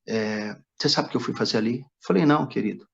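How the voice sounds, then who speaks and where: A man's voice: medium pitch, quick pace, vocal fry. A man, a pastor, telling a personal testimony story and quoting the dialogue of others in his own voice. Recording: dull lo-fi recording.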